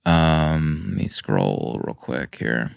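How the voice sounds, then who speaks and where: A man hosting a casual movie podcast, chatty and quick to laugh, often restarting his sentences. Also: very deep voice, lively intonation, vocal fry, clean tone, no echo, clean studio sound. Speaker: podcast host.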